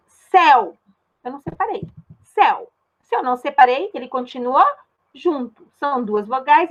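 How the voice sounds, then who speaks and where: With a Brazilian Portuguese accent, a primary school teacher gives a recorded grammar lesson, patiently going step by step and often checking in with pupils through tag questions. Her voice is high-pitched and a bit bright, and the recording sounds muffled.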